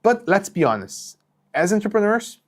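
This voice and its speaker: A man in his thirties whose first language is Portuguese hosts a live Q&A as a company co-founder, explaining business rules. His high voice swings widely in pitch at a moderate pace, and he's chatty and conversational, full of fillers and restarts, often checking in with "okay?". He's on a lapel mic in a home studio lined with shelves and lit green.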